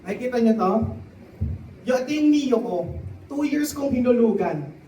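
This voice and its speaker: A man giving a motivational testimony to a live audience, often turning to the crowd with quick questions. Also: extremely high pitch, animated, mellow, a little hiss or hum. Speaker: testimonial speaker at a sales event. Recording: echoey hall, voice from a distance.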